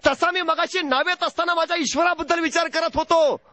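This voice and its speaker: Calm young husband voiced by the storyteller himself, patient, high-pitched and dry. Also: male voice, a little fast, no echo.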